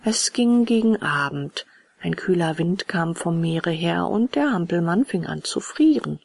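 Woman narrating a storybook, expressive and whispery, gravelly husky voice, dry close sound. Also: lowish voice, unhurried, no echo. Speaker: reader.

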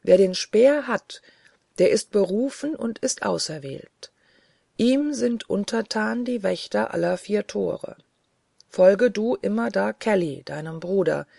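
A reader voicing a commanding angel spirit in a gothic audiobook, with a slow, solemn, prophetic delivery. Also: mid-range voice, expressive, creaky, warm tone, dry recording, clean studio sound, heavily acted.

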